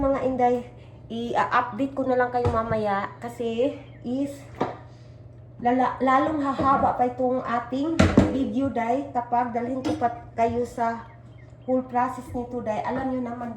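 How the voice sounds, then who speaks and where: A woman's voice: on the high side, fairly even intonation, unhurried, noisy background. A woman with a Visayan accent chatting casually to her viewers while doing chores at home, filmed on a handheld phone. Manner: chatty, talks to viewers as "day" and "mga inday". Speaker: vlogger. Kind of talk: casual home vlog chat. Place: home kitchen and porch, indoors.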